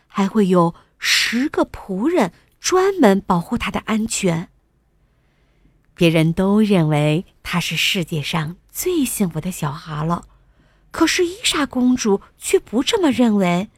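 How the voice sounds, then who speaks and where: A woman reading a bedtime story to little children, lilting up and down and speaking very slowly. She is gentle and sometimes drops to a whisper. The sound is dry and close. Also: fairly low pitch, husky, no echo. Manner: gentle, sing-song and slow, sometimes whispered.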